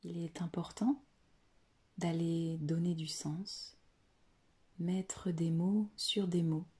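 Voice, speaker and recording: Her voice lowish and her tone level, a woman leads yoga nidra in a soft, breathy manner that often approaches a whisper. She is soothing and measured, taking long pauses.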